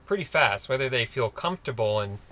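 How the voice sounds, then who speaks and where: Bright-voiced man co-hosting a live chat. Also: mid-range voice, brisk, a little hiss or hum. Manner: relaxed, reads out viewer comments and answers them. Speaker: co-host reading viewer comments. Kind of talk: casual live-stream chat.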